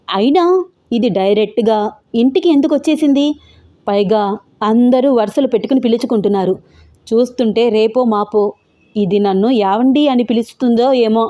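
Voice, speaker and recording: A woman's voice: fairly high pitch, normal speed, pauses often, warm tone, dry recording, lo-fi sound, natural voice. A woman voicing a shy, easily flustered young man in a Telugu audio story. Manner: scolding, embarrassed complaints. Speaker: male lead in an audio love story.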